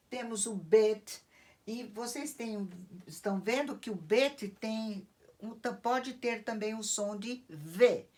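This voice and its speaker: A woman teaching a lesson on an alphabet, explaining patiently and step by step. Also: medium pitch. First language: Portuguese.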